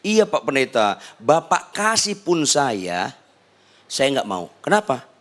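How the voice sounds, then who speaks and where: A man's voice: medium pitch, very animated, slow, voice pushed up. A man voicing a blunt, cheeky young male used-phone seller who talks frankly and teases. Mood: blunt teasing. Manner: frank, teasing, matter-of-fact.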